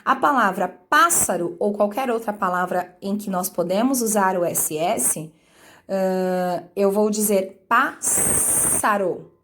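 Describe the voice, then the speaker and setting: A woman's voice: mid-range voice, a bit bright, slight background noise. Brazilian woman teacher stretching out example sounds. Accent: Brazilian Portuguese. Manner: slow, drawn-out sounding of example words; asks rhetorical checks to her students. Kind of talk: online class explanation.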